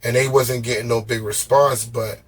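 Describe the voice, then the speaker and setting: Slight background noise accompanies this man's medium-pitched voice, delivered at a moderate pace. He's a podcast guest telling stories in a casual interview, using profane, slangy street talk with lots of animation, and he frequently stumbles and repeats words.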